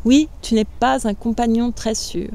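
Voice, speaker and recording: A woman's voice: a little high, fairly even intonation, unhurried, warm tone. A woman reading the lines of a nervous, cowardly middle-aged man who pleads and grows exasperated. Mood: pleading.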